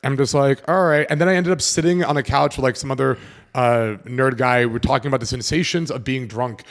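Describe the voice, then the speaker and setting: Storytelling man, swearing and lively. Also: medium pitch, fairly quick. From South Florida. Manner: animated, swears freely, acts out his younger self. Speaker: podcast host. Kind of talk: casual storytelling chat.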